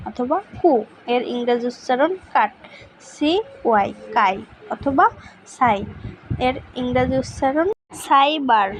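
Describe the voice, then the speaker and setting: A woman teaching a pronunciation lesson, reading out letter pairs and example words one by one in a slow, deliberate way. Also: fairly high pitch, slight background noise, poor audio.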